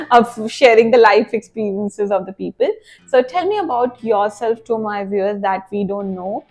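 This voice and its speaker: A woman's voice: medium pitch, a little mellow. A woman hosting her podcast interview, eager and appreciative of her guest. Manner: eager and appreciative, laughs often. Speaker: podcast host.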